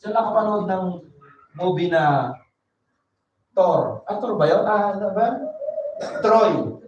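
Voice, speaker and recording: A woman preaching a Bible study sermon. She reads verses slowly and then explains them in a conversational way. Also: medium pitch, animated, a little mellow, lo-fi sound. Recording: echoey room, voice from a distance.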